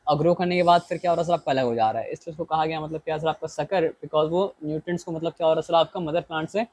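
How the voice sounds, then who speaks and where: Male teacher, slightly high voice, very dry close sound, asks questions to the class as he explains. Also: fairly even intonation, a little mellow, dry recording, rough recording. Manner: explains in Hindi mixed with English, reads English lines slowly; keeps asking rhetorical questions. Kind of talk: bilingual biology lesson.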